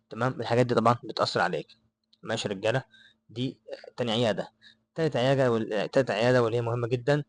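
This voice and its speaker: A young Egyptian man talks at a very fast clip in a mid-pitched voice. He explains things off the cuff, circling back and often checking that his listeners are following. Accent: Egyptian Arabic. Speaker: advice vlogger. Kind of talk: unscripted explainer to camera.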